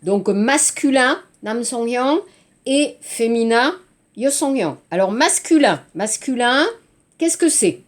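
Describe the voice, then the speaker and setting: A woman teaching to Korean learners, slow and clear, often checking in with "hein" and "d'accord". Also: on the high side, lively intonation. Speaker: French teacher. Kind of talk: language lesson for Korean learners.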